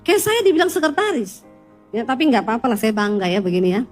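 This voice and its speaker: Woman preacher, high bright voice, humorous storyteller in church, faint music underneath. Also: fast. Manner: lively storytelling with teasing humor, often calls out to the congregation. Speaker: pastor. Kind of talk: sermon. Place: church in front of a congregation.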